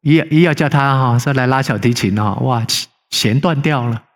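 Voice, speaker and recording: Speaking at medium pitch and a moderate pace, a middle-aged pastor delivers a conversational sermon in a church sanctuary, with long hall reverb on the recording. He uses frequent tag particles and animatedly tells stories, raising his voice to act out the people he quotes.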